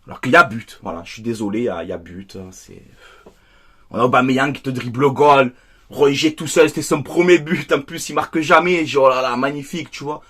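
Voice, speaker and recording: A man's voice: mid-range voice, a little fast, sharp tone, slightly rough. A man hosting a football fan video, upset and worked up, ranting and repeating himself as he talks straight to his viewers. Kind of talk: casual angry match debrief.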